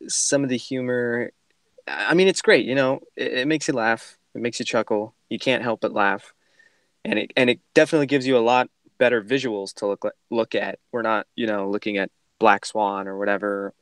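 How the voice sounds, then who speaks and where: A young man co-hosting a casual movie podcast, animated and tripping over his starts. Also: fairly low pitch, moderate pace, clean tone, dry recording. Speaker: podcast co-host.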